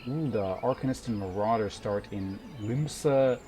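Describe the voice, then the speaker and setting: This game streamer talks at a measured pace in a fairly low voice, game music playing underneath. He rambles through casual livestream chat, thinking out loud and sometimes cursing.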